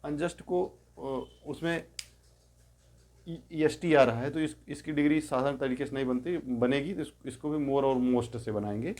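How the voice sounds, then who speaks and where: Male tutor, patient and steady, mid-pitched voice, repeats each form slowly, explains in Hindi, says English forms aloud. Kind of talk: step-by-step grammar lesson.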